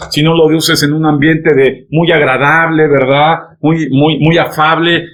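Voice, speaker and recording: A man preaches a sermon in a voice pitched somewhat high for a man. He talks straight to the congregation, tells them to turn to one another, and keeps tossing in rhetorical checks for agreement. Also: fairly bright tone. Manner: emphatic preaching, peppered with rhetorical "¿verdad?" and "¿amén?" checks; addresses the congregation directly, telling them to turn to each other. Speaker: pastor.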